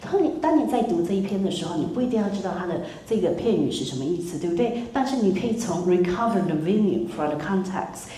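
A woman lectures a university class in a lively, story-filled way, putting questions to the students and dropping in English words. Her voice sits fairly low, with a mellow, dark tone. The lecture hall around her rings with echo, and a faint hiss lies underneath. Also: fast talker, hardly any pauses. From Taiwan. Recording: echoey lecture room with faint noise.

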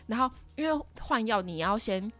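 A woman's voice: fairly high pitch, animated, normal speed, sharp tone, soft background music. A young woman in her twenties with a Taiwanese Mandarin accent, hosting a podcast and telling a personal story in a dramatic, exclaiming way. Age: 20s. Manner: dramatic, exclaiming, lots of fillers. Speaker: podcast host. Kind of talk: casual storytelling monologue.

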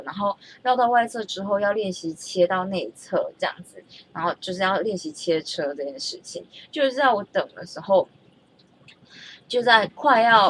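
A young woman, telling a story in a chatty, animated way and stammering when she gets excited. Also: on the low side, slight background noise. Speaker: vlogger. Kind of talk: casual storytelling.

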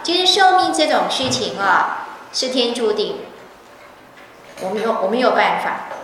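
A woman's voice: fairly high pitch, very animated, a little slow, fairly bright tone, slight background noise. Woman voicing a grave male fortune-teller. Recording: echoey hall, far from mic.

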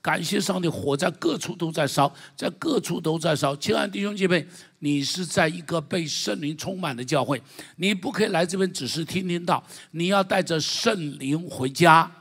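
An older male pastor with a Taiwanese Mandarin accent preaches with fervor, dropping to soft storytelling and then rising to loud declarations. His voice sits fairly high, with a gravelly, husky edge. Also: expressive, a little fast. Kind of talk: sermon.

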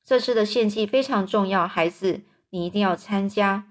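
A woman's voice: medium pitch, normal speed, lightly acted. A woman voicing a stern king and father who speaks coldly and solemnly in a storybook reading. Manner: stern, cold, heavy-hearted.

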